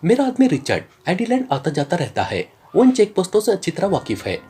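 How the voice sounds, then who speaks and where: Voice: medium pitch, wildly swooping pitch, brisk, mellow, breathy edge, heavily acted. A narrator voicing a male criminal boss who gives long, earnest explanations in an audiobook. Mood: explaining. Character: ruthless male criminal boss turned informant. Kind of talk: audiobook character reading.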